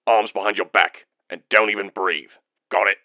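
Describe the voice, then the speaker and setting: A man's voice: lowish voice, fairly even intonation, moderate pace, pushed and bright, dry recording. A man voicing a blunt male clone soldier in clipped, dry lines. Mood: gruff.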